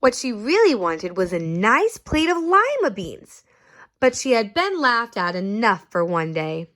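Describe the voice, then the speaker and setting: A woman reading a picture book aloud to children, expressive and asking her listeners questions. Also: on the high side, unhurried. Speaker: story reader.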